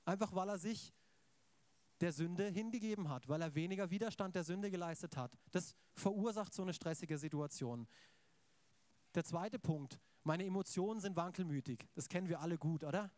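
A man's voice: high-pitched, moderate pace, a little mellow, dry recording. A man preaching a sermon in a casual, conversational way, retelling scripture and keeping asking his congregation for agreement.

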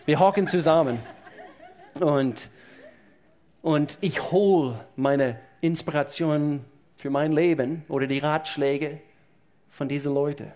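A man's voice: mid-range voice, darkish tone. A man preaching a sermon to his congregation, emphatic and repeating key phrases as he speaks to them directly. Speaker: pastor. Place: church service.

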